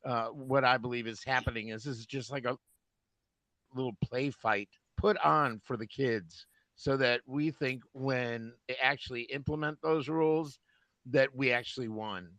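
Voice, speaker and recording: A man's voice: medium pitch, normal speed, a bit bright, no room sound. A man on a casual group voice call, explaining a theory in a skeptical tone.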